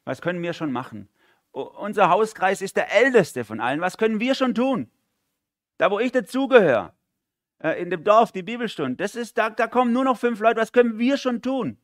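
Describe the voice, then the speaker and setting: A man's voice: sits high, expressive, moderate pace, no room sound, studio quality, voice pushed up. A man voicing an anxious, discouraged churchgoer who keeps asking what someone so small could ever do. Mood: fretful. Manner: fretful, complaining rhetorical questions.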